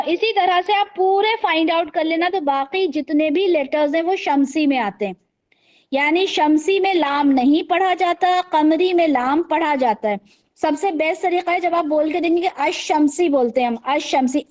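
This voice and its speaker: A woman teaching an Arabic grammar class over a video call, patiently quizzing her students and slowly repeating terms. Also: sits high, a little mellow. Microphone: video call microphone.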